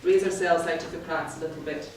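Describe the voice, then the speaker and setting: A woman born in the Scottish Highlands gives her first prepared speech as a club member, addressing an audience in an indoor meeting room. Her voice is low and steady and she talks fast, sounding echoey and distant. The mic is far off in a very echoey room, and the recording is clearly noisy.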